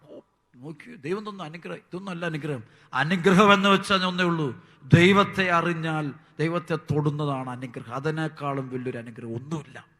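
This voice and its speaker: Impassioned high-voiced preaching priest. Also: male voice, moderate pace, long reverb tail. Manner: impassioned preaching, swinging from loud high bursts to hushed low lines; addresses listeners fondly as children. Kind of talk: sermon.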